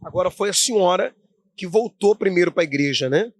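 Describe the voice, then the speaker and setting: Pastor host, man, quick-talking, slightly high voice, dry sound, short probing questions. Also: animated, no room sound. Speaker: pastor interviewer. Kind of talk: church program interview.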